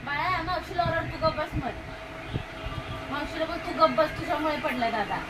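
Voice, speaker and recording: A woman's voice: high-pitched, moderate pace, crowd noise. A woman with a Marathi accent playing a mother in a family comedy sketch, coaxing and egging on. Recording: loud street and traffic noise.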